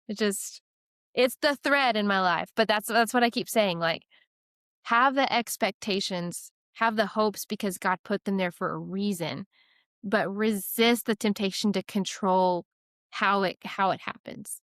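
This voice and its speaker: A woman's voice: medium pitch, a bit bright, no echo. Woman, young adult, earnest, casual faith talk, filler words, dry recording. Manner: earnest, many "like" and "right?" fillers, quick asides.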